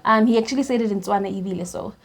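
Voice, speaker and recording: This young South African YouTuber tells a personal story for a storytime vlog in her South African accent, animated and often laughing between restarts. Her mid-range voice is gravelly and her delivery rapid-fire.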